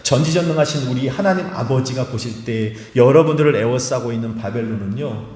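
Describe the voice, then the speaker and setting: A man's voice: medium pitch, brisk, a little mellow. A man preaching at a Friday prayer meeting as pastor, fervently questioning the congregation directly in a large church hall.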